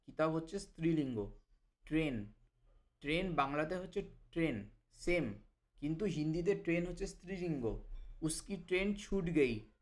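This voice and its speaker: A man with a fairly high voice runs a vocabulary lesson. He explains each word, says it again slowly and checks in with a quick "right?". His delivery is patient and methodical. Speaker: language teacher.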